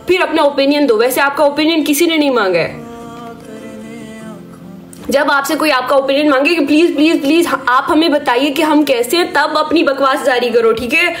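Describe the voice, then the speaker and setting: On her live stream, a female social media creator rants at her viewers in a scolding, warning tone, ending each point with "okay?". Her high-pitched voice sounds rough and sore-throated.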